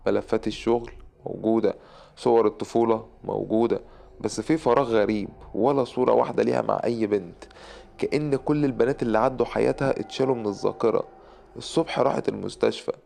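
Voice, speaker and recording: Fast gravelly Egyptian horror narrator. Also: male voice, medium pitch, darkish tone, slight background noise. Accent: Egyptian Arabic.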